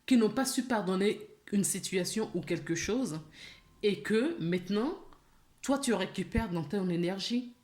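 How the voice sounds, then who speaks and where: A woman giving a spiritual guidance reading, speaking straight to the listener with many gentle questions and "d'accord?" check-ins. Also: mid-range voice, expressive, reverberant. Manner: slow, questioning, addresses listener directly. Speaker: spiritual channeler.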